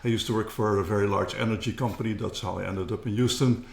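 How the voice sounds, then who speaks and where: A middle-aged Dutch co-founder from the Netherlands appears as a guest in a casual interview, talking earnestly and often repeating words as he begins a thought. His fairly low, gravelly voice is steady and quick, with a reverberant sound.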